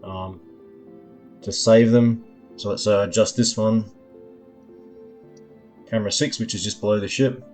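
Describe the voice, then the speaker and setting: A man demonstrating his own app in a screen-recording tutorial, explaining each control in an unhurried way, with lots of ums and uhs as he thinks aloud. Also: fairly low pitch, fairly even intonation, darkish tone, soft background music. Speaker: developer demoing his app.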